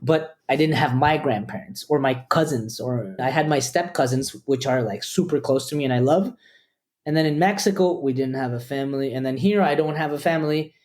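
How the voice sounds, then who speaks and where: Podcast guest: a man from Costa Rica, earnest and measured, reflective. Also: medium pitch, a little mellow. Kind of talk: reflective interview talk.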